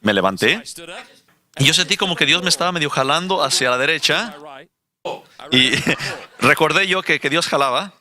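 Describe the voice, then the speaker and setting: Man interpreting a preacher; bright, forward tone, lively storytelling. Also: a little high, normal speed, long pauses. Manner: animated storytelling with light laughs. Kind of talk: sermon testimony.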